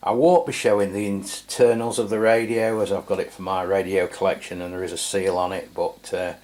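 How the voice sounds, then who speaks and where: Low-pitched and a little mellow, the radio review host talks a little fast with little pitch movement. He's a middle-aged man with an English accent offering a casual, hesitant, rambling, matter-of-fact take on a product.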